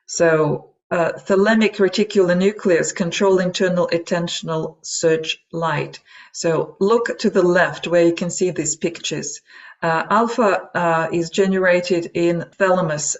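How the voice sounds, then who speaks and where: With a steady, unhurried, mid-range voice and a Russian accent, a native Russian speaker presents an explanatory lecture online. The wording is loose and hesitant with many asides, and the webinar audio is dull and lo-fi.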